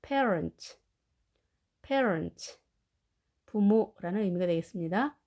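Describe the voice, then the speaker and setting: A woman with Korean as her first language, teaching English family words and slowly drilling their pronunciation. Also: mid-range voice, expressive, darkish tone. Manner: slow, careful pronunciation drills. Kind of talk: vocabulary lesson.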